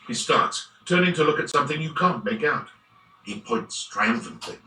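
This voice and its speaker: A man's voice: on the high side, expressive, moderate pace, pushed and bright, soft background music. A man playing a dramatic video game narrator, delivering scripted descriptions of the action. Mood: dramatic, descriptive. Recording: roomy, echoing, distant from mic.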